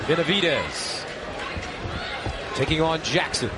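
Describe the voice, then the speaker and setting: A man's voice: on the high side, big pitch swings, slow pace, a loud crowd, heavy background noise. A man giving live boxing play-by-play commentary in clipped, punchy phrases.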